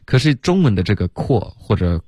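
A deep, low-pitched man leads a bilingual radio English lesson. He explains pronunciation patiently, step by step, drawing out his demonstrations. The studio sound is dry and close. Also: very animated, normal speed, a little mellow, no room sound. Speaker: English teacher.

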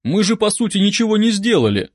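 A man's voice: high voice, sing-song, fast talker, voice pushed up. A man doing a teasing wry clone. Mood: surprised. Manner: teasing, knowing.

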